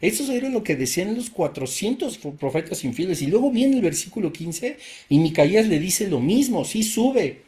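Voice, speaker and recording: High-pitched, mellow, and sing-song, this man's voice moves at normal speed with a Mexican accent. Teaching a Bible study casually, he reads verses out loud, poses rhetorical questions, repeats himself, and restarts phrases.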